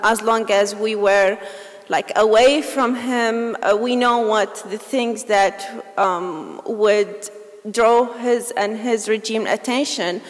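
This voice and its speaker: A woman with an Iraqi accent tells her own story to a gathering, her speech slow and halting, broken by fillers and restarts. Her voice sits fairly high. It rings out with the long reverb of a large hall. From Iraq. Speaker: guest speaker. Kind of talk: personal testimony speech.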